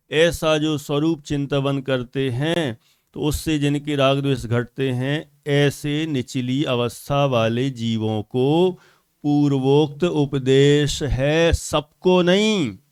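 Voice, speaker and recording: A man's voice: on the high side, clear, resonant tone, no room sound, clean studio sound. A man with a Hindi accent giving a scripture lecture, explaining patiently with rhetorical questions and repeated phrases. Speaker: Jain scripture teacher.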